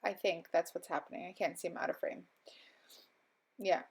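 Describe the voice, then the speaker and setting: Still a bit stuffy as she recovers from illness, a young woman records a crafting voiceover at home through a voiceover mic. Her low, husky, darkish voice stays steady at a moderate pace while she chats and rambles, full of ums and small laughs.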